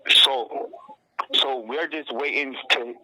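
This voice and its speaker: Earnest young man with a bright voice. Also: medium pitch, fairly even intonation, slow, a little hiss or hum, poor audio. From Barbados. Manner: earnest, restarts his sentences often. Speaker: guest calling in from prison. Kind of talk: casual phone interview.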